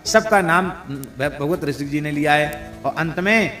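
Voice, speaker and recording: Slow-preaching man in an echoey hall. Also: on the high side, pushed and bright. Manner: unhurried preaching with rhetorical questions and recited verses. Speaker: spiritual teacher. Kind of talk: devotional sermon. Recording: echoey hall with faint music.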